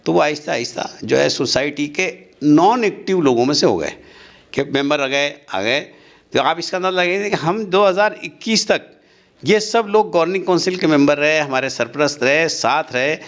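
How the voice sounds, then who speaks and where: A man's voice: a little high, normal speed, fairly bright tone. Older guy, earnest and insistent, defending himself in an interview. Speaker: interviewee, university society official. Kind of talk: interview answers.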